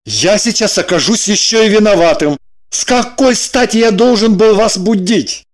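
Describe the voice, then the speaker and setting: A man's voice: high voice, normal speed. A man voicing a dry, sardonic man in an audiobook, matter-of-fact and mocking.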